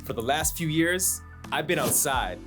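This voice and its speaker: A man's voice: a little high, lively intonation, a little slow, music in the background. A man who is a hip-hop artist, teaching a performance masterclass in a laid-back, slangy way. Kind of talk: instructional masterclass talk.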